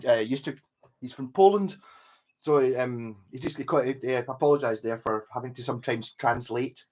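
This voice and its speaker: A man hosts a casual livestream chat about guitars, rambling and correcting himself as he reads viewer comments and greets people by name. His voice is mid-range with a breathy edge.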